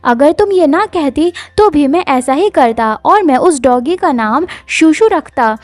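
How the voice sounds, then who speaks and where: A woman's voice: sits high, animated, measured pace, dry recording. A woman voicing a clingy, doting young nobleman. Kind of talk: manhwa recap voice acting.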